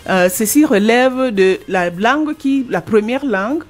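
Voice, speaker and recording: A retired language teacher in her sixties, speaking with a Cameroonian French accent, answers interview questions earnestly and explains things, frequently restarting her phrases. Her voice is on the high side, animated and a little slow, with faint music in the background.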